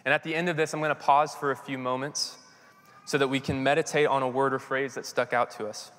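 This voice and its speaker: A man preaching a sermon and reading scripture slowly and earnestly, his phrase endings dropping soft and quiet. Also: mid-range voice, little pitch movement, big-room sound. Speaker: pastor.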